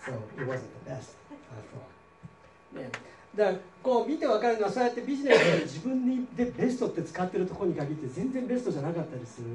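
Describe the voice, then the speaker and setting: A male pastor giving a conversational sermon, often checking in with his listeners with quick questions. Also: high-pitched, sing-song, very noisy. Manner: chatty preaching with frequent tag questions. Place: church sanctuary. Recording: roomy hall picked up from a distance.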